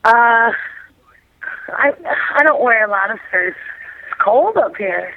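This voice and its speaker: A woman's voice: fairly high pitch, lively intonation, takes it slowly, vocal fry, no room sound, narrow, tinny audio. A woman in her thirties co-hosting a casual chat show, blunt and joking, swearing freely. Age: 30s. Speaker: co-host.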